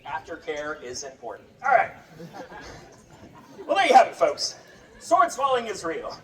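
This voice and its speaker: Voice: medium pitch, huge pitch swings, normal speed. A sword swallower giving comic live stage patter to a festival crowd, with a showman's wry, joking banter. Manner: sword swallower's showman delivery addressing onlookers. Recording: roomy, distant mic with crowd noise.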